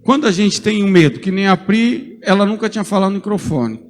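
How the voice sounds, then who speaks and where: A man preaching a sermon as a pastor, lively and joking, calling on people in the congregation by name. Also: sits high, brisk, long reverb tail, soft background music.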